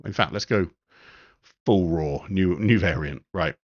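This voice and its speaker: A man giving a live-streamed photo editing tutorial, relaxed and thinking aloud with frequent ums. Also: low voice, measured pace, muffled recording.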